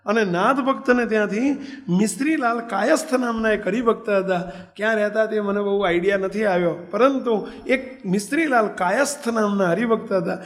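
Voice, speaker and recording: A man's voice: high voice, moderate pace. A male preacher telling a story in a sermon, asking rhetorical questions of his listeners. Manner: animated, rhetorical questions to the audience. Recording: long hall reverb.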